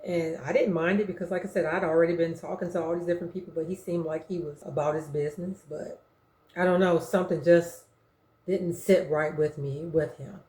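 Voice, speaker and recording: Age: middle-aged. Sex: woman. Style: frank confessional storytelling. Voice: low, mellow. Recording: roomy echo. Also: fairly quick. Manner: frank, slangy and animated, acting out quotes. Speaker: vlogger telling her own story.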